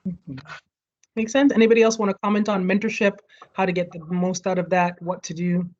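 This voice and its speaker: A woman's voice: on the low side, flat delivery, fast talker, a little mellow. A woman leading an online study group over a video call, explaining a topic and checking in with everyone. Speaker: study session leader. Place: home near street fireworks. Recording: muffled video call audio.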